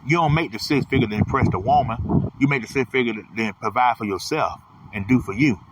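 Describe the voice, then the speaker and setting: A man's voice: mid-range voice, fairly quick. A man in his thirties giving a rambling, repetitive, profane motivational monologue as a podcast host. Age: 30s. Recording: distant mic with loud vehicle noise.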